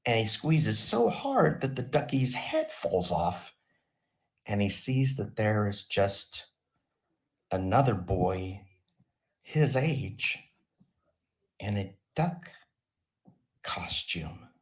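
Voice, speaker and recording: Man, deep voice, slow, deadpan, rambling comic storytelling. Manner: absurd, deadpan, off-the-cuff. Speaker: channel host.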